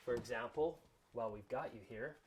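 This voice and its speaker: A man explains a woodworking task in a casual, patient way while he works. His voice sits in the middle range. Sawing, filing and rubbing sounds come through clearly behind him. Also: mid-range voice, a little fast. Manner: relaxed, talks while working with tools. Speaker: woodworking instructor. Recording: workshop noise under the voice.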